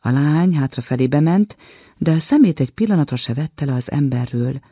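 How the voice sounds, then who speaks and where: A man giving a measured, dramatic reading of a short story on a literature program. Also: a little high, animated, warm tone, breathy edge, no room sound, studio quality.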